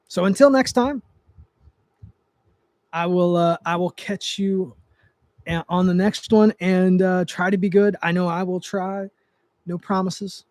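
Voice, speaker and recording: A young man hosts a casual livestream from a chair at home, speaking into a close mic with no room sound. His voice is high and darkish in tone, and it's getting dry as he rambles along, restarting often and filling gaps with fillers. He works as a livestream host and trigger tuner.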